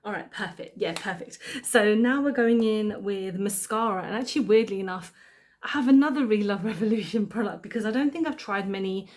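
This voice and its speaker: Speaking fairly quickly at a medium pitch, a young beauty vlogger talks through her makeup routine in a casual tutorial. She thinks out loud as she applies it and corrects herself as she goes.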